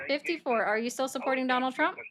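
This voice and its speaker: A woman's voice: high-pitched, quick pace, crowd noise. A woman hosting a political call-in livestream, talking bluntly and pushing back firmly on her callers. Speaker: host taking viewer calls.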